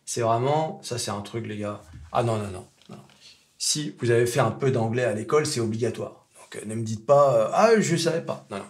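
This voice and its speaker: A French-speaking man with a lowish voice teaches English pronunciation in a casual video lesson. He is chatty and self-mocking and draws out example words slowly.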